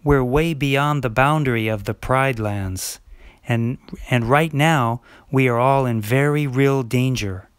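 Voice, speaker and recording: A man's voice: mid-range voice, takes it slowly, smooth, dry recording, clean studio sound, natural voice. A man playing a fussy, proper male hornbill steward in an amateur stage play, speaking in a prim, formal way. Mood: anxious.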